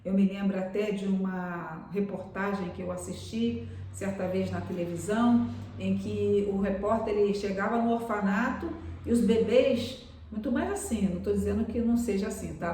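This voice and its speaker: A woman preaches a sermon on a live stream and keeps addressing her listeners tenderly as beloved. Her voice is of middling pitch. She sounds far from the mic in a strongly echoing room. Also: steady tone, normal speed, slight background noise. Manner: warm pastoral address, calls listeners "amados".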